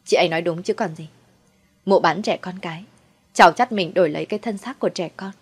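A woman voicing a frightened but stubborn young daughter-in-law, in a higher, pleading tone, in a storybook reading. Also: quick pace, breathy edge. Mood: defiant.

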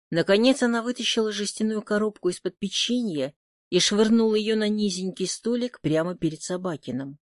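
A woman narrating an audiobook in an even, measured manner. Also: lowish voice, dry recording, clean studio sound. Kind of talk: scripted narration.

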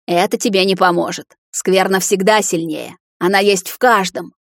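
A woman voicing a cruel, scheming witch mother who snarls and mocks in a raised, sharp voice, in an audiobook. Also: mid-range voice, fairly even intonation, moderate pace, no room sound, clean studio sound, natural voice. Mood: menacing scorn.

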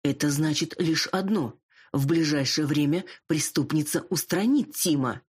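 A woman's voice: low voice, moderate pace, darkish tone, slightly rough. A woman reading the part of an older, domineering dragon mother who gives orders and scolds. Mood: commanding. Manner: commanding, scolding.

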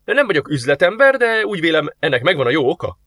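A man's voice: fairly high pitch, very animated, fairly bright tone, no room sound, pitched above the performer's own voice, heavily acted. A man voicing a courteous alien receptionist. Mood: polite. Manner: courteous, measured, formal. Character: polite alien hotel receptionist, male. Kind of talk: audiobook character voice.

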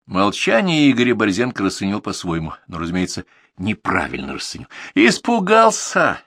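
A man narrating a novel as an audiobook, reading in an expressive storytelling manner. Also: low voice, a little fast, no echo, clean studio sound. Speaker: audiobook reader. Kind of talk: scripted narration.

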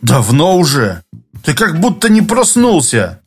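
A sullen, cowardly young man who mumbles and sulks, voiced by a male audiobook narrator. He answers grudgingly, in a slightly raised voice. Faint music plays quietly behind. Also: a little high, wildly swooping pitch, unhurried, slightly rough, full character voice. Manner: mumbling, sulky.

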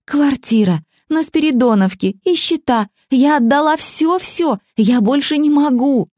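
Woman reading a shaky scared young woman, high voice, begging to be left alone. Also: sing-song, moderate pace, warm tone, husky, no echo, clean studio sound. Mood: desperate. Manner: trembling, pleading. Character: frightened, worn-out young woman, trembling.

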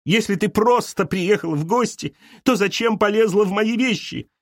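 A man's voice: animated, measured pace, a little mellow, no room sound, studio quality. A man reading an audiobook voices a hysterical, jealous young woman who shrieks her accusations. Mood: furious. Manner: shrill, sobbing and screaming accusations.

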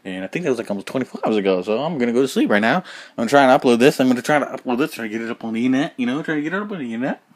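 With lively intonation and a medium-pitched voice, a man races through his solo podcast despite being up nearly a whole day. He rambles, goes over the same ground repeatedly and swears casually.

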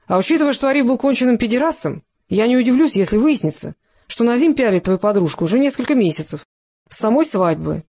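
Cold bespectacled male interrogator, mocking and relentless, as a reader puts him on, in a dark, husky, dry voice. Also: mid-range voice, expressive, fast talker, pitched above the performer's own voice. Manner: cold, needling, shouting when pressing. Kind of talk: audiobook character reading.

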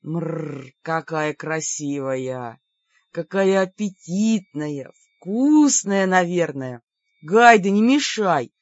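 A woman voicing a teasing young man with a sweet tooth, purring and coaxing in a drawn-out way, in an audiobook. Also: mid-range voice, expressive, no room sound, muffled recording. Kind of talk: audiobook character voice.

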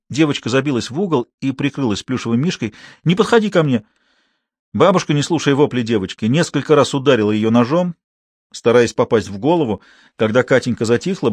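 A man narrating an audiobook in a steady, measured reading voice. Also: mid-range voice, no room sound.

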